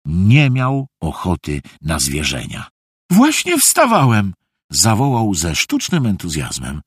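A man narrating a children's audiobook in an expressive, unhurried storytelling manner. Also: low-pitched, breathy edge, dry recording, studio quality.

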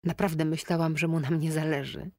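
A woman's voice: deep voice, flat delivery, fairly quick, dark tone, no room sound. A weary young woman nursing a broken heart, as a woman narrator puts her on. Her voice sounds tired and strained, with a sniffle. The storybook reading is dry and close. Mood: heartbroken. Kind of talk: audiobook character voice.

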